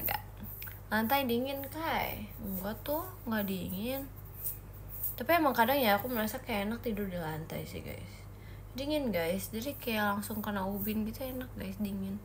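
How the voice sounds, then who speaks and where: A woman's voice: medium pitch, moderate pace, sharp tone, slight background noise. A young woman from Indonesia chatting casually on a phone livestream, answering viewer comments in a playful, giggly way.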